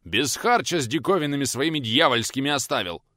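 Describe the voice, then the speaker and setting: A man voicing a bearded village craftsman, a blustering bully who turns shrill and whining in rustic speech. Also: lively intonation, fairly quick, pushed and bright, no room sound, clean studio sound. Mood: sneering threats.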